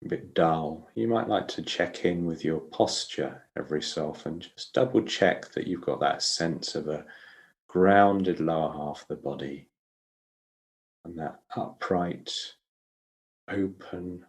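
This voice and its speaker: A man leading a guided breath counting meditation as a teacher, speaking in a slow, measured, instructional way with pauses. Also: deep voice, creaky.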